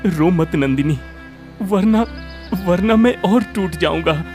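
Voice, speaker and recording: An actor playing a kind-hearted, expressive working husband in an audio story. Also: male voice, sits high, takes it slowly, soft background music. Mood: distressed.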